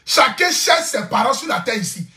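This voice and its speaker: A man's voice: very high-pitched, very animated, moderate pace, pushed and bright, roomy sound. A man telling a comic vlog story, boisterous, laughing often and repeating his phrases. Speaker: social media influencer. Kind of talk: casual comic vlog monologue.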